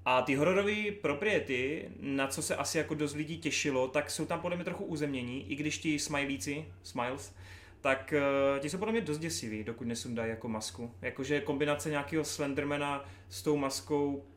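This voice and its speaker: A man co-hosting a casual podcast chat, laughing loudly and swearing casually. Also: a little high. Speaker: podcast co-host. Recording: roomy echo with faint noise.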